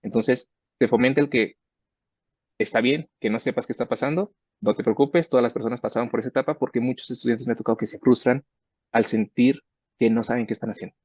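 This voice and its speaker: A man's voice: mid-range voice, fairly even intonation, fast talker, darkish tone, no room sound. A man speaking conversationally about mentoring research students, often acting out what he and his students say to each other. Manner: conversational, acts out student dialogues. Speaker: research professor. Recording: dull, dry sound.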